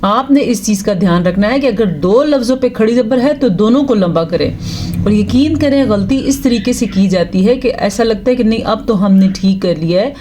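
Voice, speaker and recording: A woman teaching Quran recitation step by step, explaining patiently and drawing out each recited word slowly. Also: on the high side, expressive, mellow. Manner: slow, patient explaining with drawn-out recited words.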